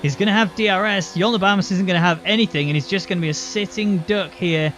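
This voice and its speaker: A man's voice: sits high, fast talker, a bit bright. A man giving live motorsport commentary, calling the race play-by-play and explaining the moves as they unfold. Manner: running play-by-play with explanatory asides. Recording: muffled, noisy, engine sounds behind.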